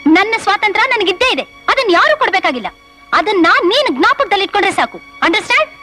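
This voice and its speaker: A woman's voice: very high voice, sing-song, fast, bright, forceful tone, exaggerated voice. An actress playing a defiant, headstrong young woman from a rich family, in a film scene. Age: young adult. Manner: defiant, bossy. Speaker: headstrong daughter. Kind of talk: film dialogue. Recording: film audio with music behind.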